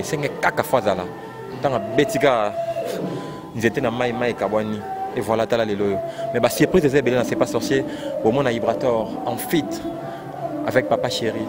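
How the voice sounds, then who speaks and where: A man with a Congolese French accent in an animated, repetitive casual chat about music, exclaiming often. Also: medium pitch. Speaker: fan discussing rumba music. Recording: loud music playing behind.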